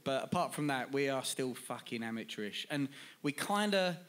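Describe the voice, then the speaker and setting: A man's voice: mid-range voice, lively intonation, normal speed, a bit bright. A man co-hosting a podcast live in a bar, chatty and self-deprecating. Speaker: podcast co-host. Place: bar venue with live audience.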